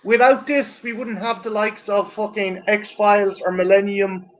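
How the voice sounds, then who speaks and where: A man with a high voice trades crude, profane jokes in casual stream banter. The sound is dull and lo-fi. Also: flat delivery, measured pace. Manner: crude, joking, swears a lot. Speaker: co-host of a watch-along stream. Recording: muffled lo-fi stream audio.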